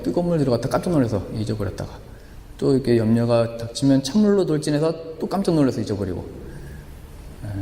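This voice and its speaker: A man's voice: medium pitch, creaky, dark tone, slight background noise. A man pastor preaching a sermon, asking rhetorical questions and voicing God and the prophet in turn. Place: church hall. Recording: echoey church hall.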